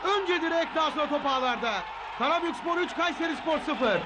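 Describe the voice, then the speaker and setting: A man giving excited football match commentary in a shouting, screaming delivery. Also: very high voice, a little fast. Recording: loud crowd noise behind commentary. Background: stadium crowd.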